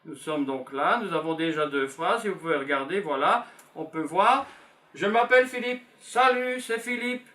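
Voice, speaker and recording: In a classroom lesson for beginners, a French teacher from Belgium in his fifties repeats simple phrases while writing them down. He is slow and patient, and his fairly high-pitched voice comes across as pushed and bright.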